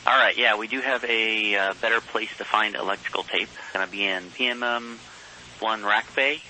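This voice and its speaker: Faint hiss runs under a man's very bright, forceful radio voice. He is a mission control communicator talking to a space crew. His delivery is procedural yet informal and conversational. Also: lowish voice, fairly even intonation, normal speed, poor audio. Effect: space radio transmission. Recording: hissy space-to-ground radio link.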